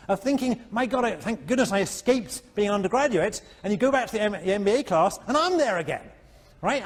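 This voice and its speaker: A male economics professor giving a university lecture, animated and constantly checking in with his students. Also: sits high, husky. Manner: animated, keeps checking in with "all right?". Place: lecture hall.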